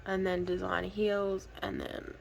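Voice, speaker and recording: A woman's voice: mid-range voice, level tone, a little slow, gravelly, slight background noise, poor audio. A woman, hosting a casual budgeting vlog in a chatty, giggly way with frequent ums. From Australia. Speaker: budgeting channel host.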